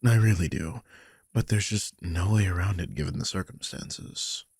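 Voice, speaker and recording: With a deep, darkish, husky and breathy voice, a man plays a vampire king who is guilty, worried, and protective of his charge, speaking at normal speed. He is weary and confiding, sighing and cursing in an exaggerated style, heard only on his side of the roleplay. The recording is dry and studio-clean.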